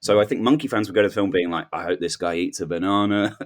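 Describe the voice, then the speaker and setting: A low-pitched man talks fast as a guest on a comedy podcast. In a casual, comic way he spins whimsical, rambling anecdotes and acts out little quotes.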